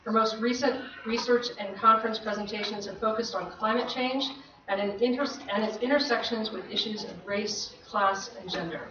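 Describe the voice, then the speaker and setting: A woman's voice: mid-range voice, moderate pace. Echoey woman reading an introduction. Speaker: event host introducing a speaker. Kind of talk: read-out formal introduction. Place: large, full seminar room. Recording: echoey, noisy, distant, slightly muffled room recording.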